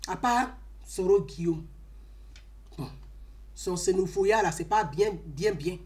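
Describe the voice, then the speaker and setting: Speaking slowly, a woman with an Ivorian French accent scolds her way through a passionate political speech. Her emphatic delivery alternates between booming outbursts and hushed asides.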